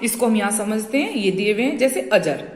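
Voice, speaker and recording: A woman's voice: medium pitch, expressive, fairly quick, darkish tone, slight background noise. A woman teaching a school grammar lesson, explaining patiently, stretching out example sounds and checking that students follow. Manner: addresses students as "beta". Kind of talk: classroom-style grammar lesson. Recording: echoey room with long reverb.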